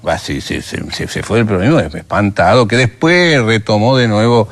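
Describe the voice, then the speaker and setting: A man's voice: fairly low pitch, normal speed. An older man with an Argentine Rioplatense accent, recounting his memories in a documentary interview and acting out remembered conversations as he talks. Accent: Argentine Rioplatense Spanish. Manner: animated storyteller who acts out remembered dialogue.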